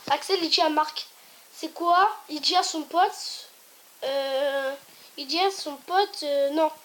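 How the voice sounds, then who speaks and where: A woman's voice: high-pitched, slow pace, a bit bright, a little hiss or hum. A woman telling jokes casually to her viewers, hesitant and rambling, stopping to restart and apologize. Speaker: joke teller. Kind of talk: casual joke telling to camera.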